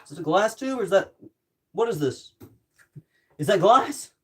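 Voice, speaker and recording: A man's voice: sits high, lively intonation, moderate pace, a bit bright. Jokey man narrating his tinkering. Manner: rambling, jokey self-deprecating running commentary; talks to viewers while working with tools. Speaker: livestreamer. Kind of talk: casual livestream chat while tinkering.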